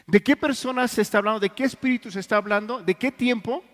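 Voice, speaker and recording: A man preaching a sermon in Mexican Spanish, telling stories earnestly and swinging between loud and hushed. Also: sits high, quick pace. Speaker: pastor. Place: church hall. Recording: long church reverb.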